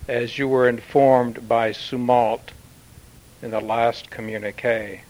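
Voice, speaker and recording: A man channeling a solemn male Martian commander who addresses Earth in formal, measured pronouncements with long pauses. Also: medium pitch, flat delivery, darkish tone, close to an everyday voice, poor audio. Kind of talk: channeled spiritual message.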